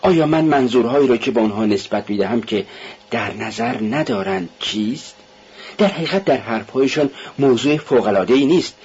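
A man's voice: medium pitch, lively intonation, darkish tone, husky. A man voicing a feverish, suspicious young man under questioning, talking tensely and bitterly, brooding half to himself. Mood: anxious brooding. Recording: dull lo-fi radio recording.

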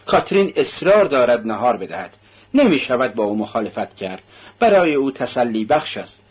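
A man narrating a novel aloud in a slow, measured reading voice. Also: medium pitch, sing-song, breathy edge, highs cut off. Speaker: audiobook narrator. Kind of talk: scripted narration.

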